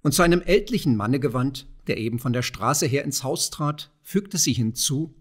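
A man reading a classic fairy tale aloud in measured storytelling narration. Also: medium pitch, animated. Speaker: audiobook reader.

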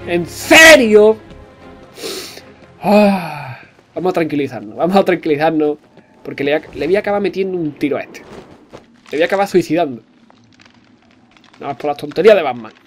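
A man giving jokey let's-play commentary, excitable and swearing often. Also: on the high side, quick pace, pauses often, faint music behind. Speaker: gamer.

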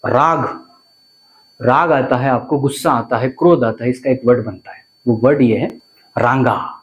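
A man's voice: mid-range voice, a little slow, dull audio. A man, teaching vocabulary to viewers and often repeating words and asking questions. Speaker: language teacher.

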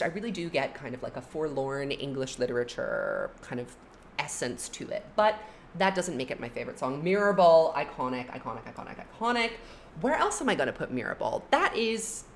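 A young adult woman with a low voice that swings widely in pitch, chatting in a lively, opinionated way and leaning on "like" fillers. A faint hiss of room noise sits under the recording. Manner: animated, chatty, frequent "like" fillers. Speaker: music commentary YouTuber. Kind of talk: casual opinionated album ranking.

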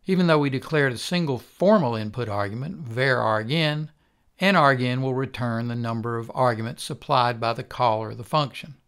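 Calm older man teaching programming. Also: medium pitch, moderate pace, smooth. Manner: calm, methodical explaining. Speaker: instructor. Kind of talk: recorded programming lecture.

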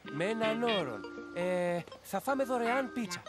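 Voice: medium pitch, lively intonation, close to an everyday voice. A goofy, easygoing cartoon teen sidekick, voiced by an actor with a mid-range voice that bounces up and down a lot. He sounds carefree. Cartoon music plays behind. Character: dim, easygoing teenage boy sidekick.

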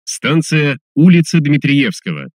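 A man making recorded subway announcements as a train announcer, formal, measured and clearly enunciated. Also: on the high side, very animated, no room sound, clean studio sound.

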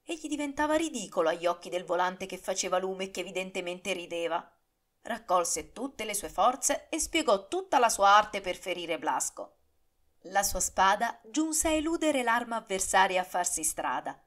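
A woman narrating a serialized historical novel audiobook in a dramatic, expressive storytelling manner. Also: mid-range voice, normal speed.

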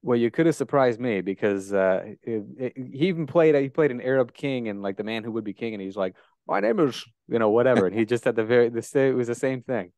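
A podcast host in his thirties from the United States, carrying a Great Plains accent, talks a little fast in a slightly mellow, mid-range voice. He asks curious, chatty interview questions with many restarts, using a close handheld dynamic mic in a bright home room, and the recording is dry.

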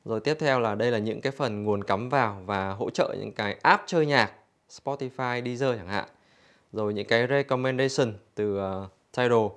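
A man's voice: mid-range voice, moderate pace, fairly bright tone. A man giving an infomercial-like product demonstration for a store, explaining conversationally to customers.

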